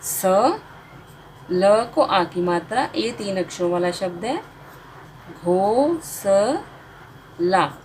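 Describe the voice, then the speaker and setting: A woman's voice: mid-range voice, takes it slowly, darkish tone, a little hiss or hum, rough recording. A woman teaching a beginner spelling lesson, sounding out letters and marks one by one and drawing out each finished word.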